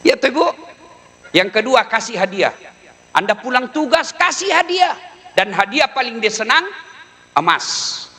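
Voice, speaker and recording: A man preaching a comic sermon in an animated way, now and then dropping low to mimic the people he talks about. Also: unhurried, long pauses. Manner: animated, mimics widows and wives in a low voice, sings snatches.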